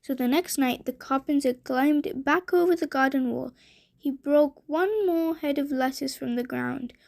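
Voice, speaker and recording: A woman narrating a bedtime story for children in a gentle, deliberate way. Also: high-pitched, vocal fry. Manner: slow, gentle, deliberate reading.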